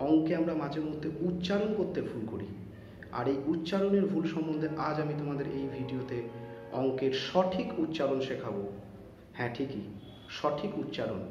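High-voiced math teacher in echoey room. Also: male voice, darkish tone, muffled recording. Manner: talks straight to students, explains step by step and repeats numbers. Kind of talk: classroom math lesson video. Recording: echoey room with long reverb, faint noise.

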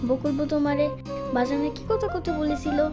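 An actress playing a weepy young bride-to-be. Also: female voice, sits high, fairly quick, close to an everyday voice. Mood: tearful. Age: young adult. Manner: plaintive, tearful. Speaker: daughter about to marry. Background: music.

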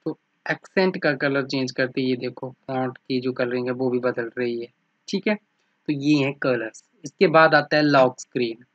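A man with a mid-range, fairly bright voice and fairly even intonation teaches a computer lesson at normal speed, recorded from his screen on a dry, slightly dull lo-fi mic. He keeps repeating "ठीक है" after almost every point and says "ये देखो" to highlight things on the screen.

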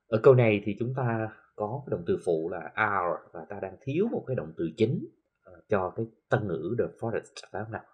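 Husky Southern Vietnamese male teacher. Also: on the low side, muffled recording. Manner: explains slowly, many "ờ" fillers, reads English examples slowly. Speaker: English teacher. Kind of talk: recorded classroom lesson for TV.

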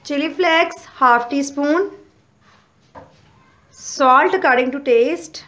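A woman, hosting a home cooking channel and explaining each step calmly in a casual voice-over. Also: sits high, drawn-out words. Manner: step-by-step explaining, calm and homely.

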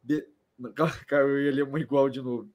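A young man co-hosting a football live stream, excitable and joking, laughing and swearing often. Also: mid-range voice, quick pace. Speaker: co-host of a football channel. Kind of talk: casual live-stream chat.

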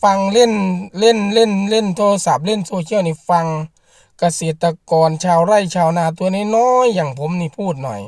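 A man's voice: high-pitched, expressive, moderate pace, darkish tone, no echo, clean studio sound. A man, a rice farmer and channel host, talking straight to camera in an earnest, repetitive way as he appeals to the government. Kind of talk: direct-to-camera political vlog.

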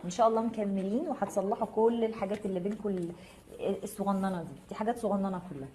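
A woman's voice: mid-range voice, rapid-fire, warm tone, a little hiss or hum, rough recording. A woman with an Egyptian Arabic accent hosting a live tarot reading. She reassures viewers and answers their comments, calling them by name. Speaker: tarot reader host.

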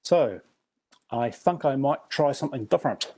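New Zealand man with a mellow voice. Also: mid-range voice, expressive, normal speed, slightly rough. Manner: dry self-deprecating humour. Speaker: presenter. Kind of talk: prepared presentation talk.

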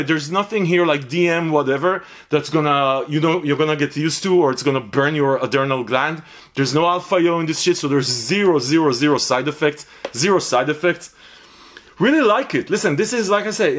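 A man reviewing a pre-workout supplement in a blunt, profane, rambling way, repeating himself for emphasis. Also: on the high side. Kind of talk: casual review vlog.

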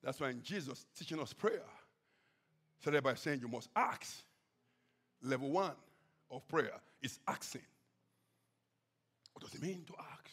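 A man preaching a sermon with passion, swinging between shouts and hushed tones. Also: medium pitch, lively intonation, measured pace, long pauses, husky. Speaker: pastor.

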